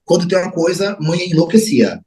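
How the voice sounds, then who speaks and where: A middle-aged Brazilian man in an interview, recalling his family in an unhurried, reflective way, lingering on words and trailing off into soft asides. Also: high voice, sing-song, a crowd in the background, poor audio. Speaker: interview guest. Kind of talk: reflective personal memories.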